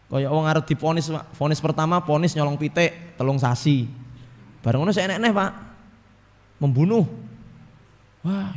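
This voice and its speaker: A man with an East Javanese accent preaching a sermon, lively and joking, acting out little dialogues. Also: a little high. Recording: reverberant hall.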